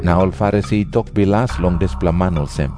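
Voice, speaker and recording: A man's voice: low voice, brisk. A man with a Papua New Guinean accent narrating scripture from a script. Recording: prominent music behind the voice.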